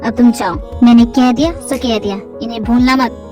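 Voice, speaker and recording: A woman's voice: a little high, steady tone, a little fast, darkish tone, soft background music, voice pushed down, close to an everyday voice. A woman voicing a cold, blunt young husband in a fan audio drama, speaking in a firm, curt way. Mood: stern.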